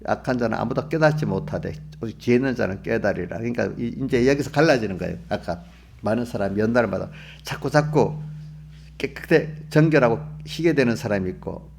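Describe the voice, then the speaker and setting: Gravelly-voiced pastor preaching. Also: male voice, mid-range voice, lively intonation, brisk, a little mellow, a little hiss or hum. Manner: conversational, asks the congregation questions; acts out inner voices of believers. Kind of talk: early-morning sermon. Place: church.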